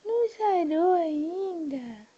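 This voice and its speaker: A woman's voice: very high voice, animated, extremely slow, mellow. A mother talking sing-song baby talk to her infant at home, filmed on a phone camera. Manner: sing-song, doting, coaxing. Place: home room. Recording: dull lo-fi home video.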